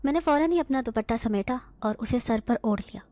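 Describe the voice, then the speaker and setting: Woman storyteller, emotional first-person horror narration, slightly high voice. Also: animated, dark tone, no room sound.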